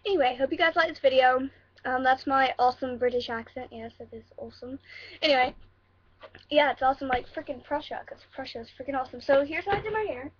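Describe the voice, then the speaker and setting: A woman's voice: high voice, fast, slightly rough, lo-fi sound. A young woman chatting casually in a cosplay vlog, rambling and giggly.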